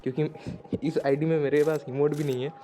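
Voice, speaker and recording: A young man giving casual, slangy, excited commentary over his gameplay highlights. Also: brisk. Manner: excited, slangy, talks to viewers as "bhai". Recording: voice-over with loud background music.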